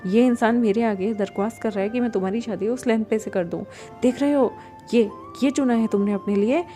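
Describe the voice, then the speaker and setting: Brief: woman playing a fiery old uncle, loud and scolding, mellow timbre. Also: a little high, a little fast, faint music behind, natural voice. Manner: scolding, shouting in anger. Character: stern hot-tempered older male uncle.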